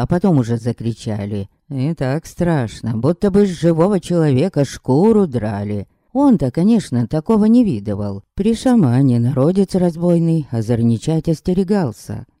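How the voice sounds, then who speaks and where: A man narrating an audiobook in an expressive storytelling manner. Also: fairly high pitch, no room sound, studio quality. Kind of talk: scripted narration.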